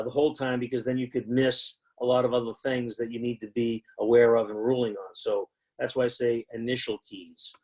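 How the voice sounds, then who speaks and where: Man, officiating instructor, conversational, filler-heavy, repeats for emphasis, average pitch. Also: darkish tone, poor audio. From United States. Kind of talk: instructional talk.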